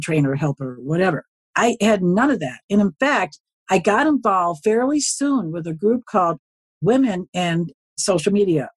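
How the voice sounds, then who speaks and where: Casting: woman in her 70s, husky, dry close sound, chatty storyteller who wanders into asides. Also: mid-range voice, no echo. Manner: rambling, folksy, often circles back with asides. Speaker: podcast guest, social media consultant. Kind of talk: casual storytelling interview.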